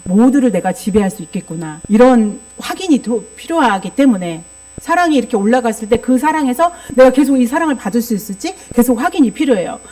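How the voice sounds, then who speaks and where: A woman's voice: a little high, expressive, quick pace, warm tone. A woman preaching a sermon that mixes in psychology teaching, explaining patiently and often asking the congregation rhetorical questions.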